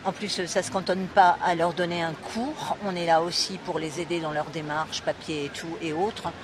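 Man in his sixties, retired, calm and measured, outdoor recording with street noise. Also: on the high side. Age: 60s. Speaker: retired volunteer French teacher. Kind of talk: personal testimony. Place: outdoors in a city square.

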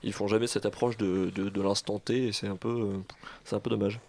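Lower-pitched male panelist, quick, pushes his point. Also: level tone, a little mellow. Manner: argumentative, quick, teasing. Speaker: radio panelist. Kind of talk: casual radio discussion. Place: radio studio.

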